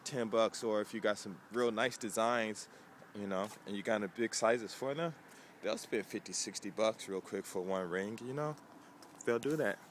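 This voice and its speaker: An American vlogger talks casually to the camera at a moderate pace in a fairly low voice. He rambles conversationally, filling gaps with "you know" and "um," while faint traffic and ambient noise from the outdoor city street surround him.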